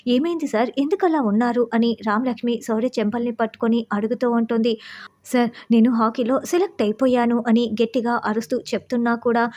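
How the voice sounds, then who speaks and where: A woman with a slightly high voice recaps a television serial. She tells the story in a steady flow and slips into the characters' lines now and then, lifting her voice for a moment when she quotes them.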